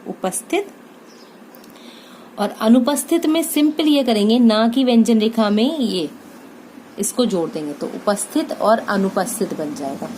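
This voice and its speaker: A woman with an Indian accent teaching shorthand step by step, spelling out each word sound by sound and pausing often to check understanding. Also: a little high, dark tone, slight background noise, low-quality recording. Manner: slow and deliberate, spelling out words sound by sound, frequent "ठीक है" checks. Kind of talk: step-by-step tutorial.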